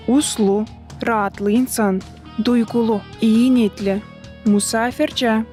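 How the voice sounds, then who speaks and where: In an animated cartoon, a woman voices a patient mother telling history to children. She uses a measured storytelling style at a fairly high pitch.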